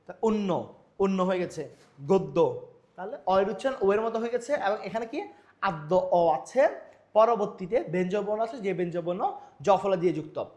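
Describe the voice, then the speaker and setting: A man's voice: high voice, lively intonation, normal speed, a little mellow. A male Bangla teacher lecturing on pronunciation rules, asking questions and answering them himself while repeating example words.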